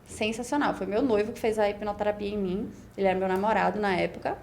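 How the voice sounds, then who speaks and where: Quick-paced and steady in tone, her mid-range voice is a little mellow, with a bit of hiss or hum in the audio. A Brazilian Portuguese speaker from Pernambuco by accent, in her twenties, she won a beauty pageant and now guests on a casual podcast, telling her story reflectively in long run-on stretches sprinkled with "né?".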